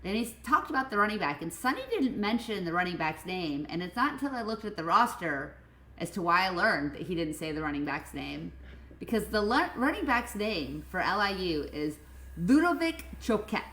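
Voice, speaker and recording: Low-voiced woman in an echoey room. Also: a little fast. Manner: animated, enthusiastic, frequent ums. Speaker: podcast co-host. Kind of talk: casual sports podcast chat. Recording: echoey room with faint noise.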